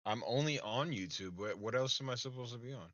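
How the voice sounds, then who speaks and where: A man's voice: mid-range voice, brisk, a bit bright, dry recording. A man calling into a livestream, chatting casually and stumbling over his words. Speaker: guest caller on a livestream. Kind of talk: casual chat. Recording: dull, muffled call audio.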